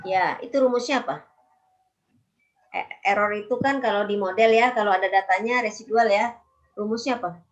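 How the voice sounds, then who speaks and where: Casting: woman lecturer, mid-pitched voice, questioning and prompting students through a class. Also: normal speed, pauses often. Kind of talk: university lecture on time series.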